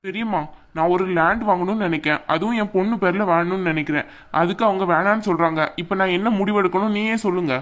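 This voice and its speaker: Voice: mid-range voice, fast talker, lightly acted. An actor voicing a stubborn young husband in a family drama skit, insistent and dismissive. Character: stubborn young husband set on buying land.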